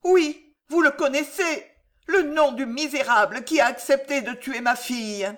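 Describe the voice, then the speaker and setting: A woman's voice: sits high, a little slow, a bit bright, pitched above the performer's own voice. A reader voicing a fervent, grief-stricken noble mother in a storybook reading, pleading and insistent.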